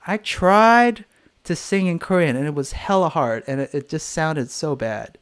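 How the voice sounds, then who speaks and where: Speaking a little slowly in a fairly high, bright, smooth voice with lively intonation, this native English-speaking singer-songwriter chats candidly on his livestream. He swears without restraint and imitates the voices of others.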